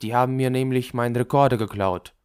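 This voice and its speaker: A man reading an audiobook who voices a pert, impatient young woman in a quick, emphatic manner. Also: mid-range voice, steady tone, a little mellow, smooth, lightly acted. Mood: chirpy, pushy. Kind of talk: audiobook character voice.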